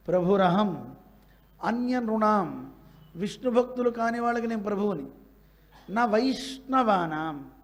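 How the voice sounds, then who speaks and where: A man's voice: on the high side, close to an everyday voice. A man voicing a stern, authoritative male god of death, speaking in a solemn, instructing way. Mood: firm.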